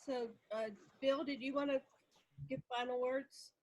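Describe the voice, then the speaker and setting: A woman's voice: sits high, fairly even intonation, darkish tone. A woman moderating an online panel, keeping turns short and on time, her voice faint and breaking up over the call connection. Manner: briskly keeps time and hands over turns. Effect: faint, distant audio breaking up over a call connection.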